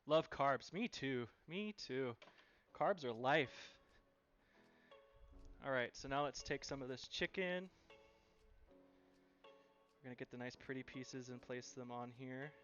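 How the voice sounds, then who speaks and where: A man's voice: mid-range voice, takes it slowly, pauses often, fairly bright tone, dull audio, faint music behind. A man running a live cooking stream, chatting and cheerfully thanking viewers as he cooks.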